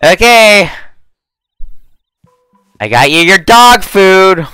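A man's voice: sing-song, a little slow, sharp tone, no room sound, faint music behind, exaggerated voice. A man voicing an over-eager male game character who gushes and exclaims over canned food. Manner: high, gushing, exclamatory.

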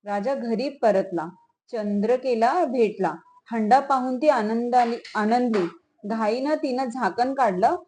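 A woman's voice: on the high side, takes it slowly, a little mellow. Woman narrating a devotional folk tale. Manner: reads with frequent small restarts and self-corrections. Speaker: storyteller.

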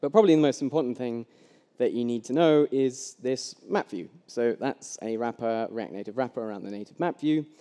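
Brisk and mellow in a mid-range voice, a young conference speaker runs a casual live coding talk at a meetup, frequently using ums and starting over. He wears a headset mic, and the large hall adds long reverb, so the recording sounds echoey.

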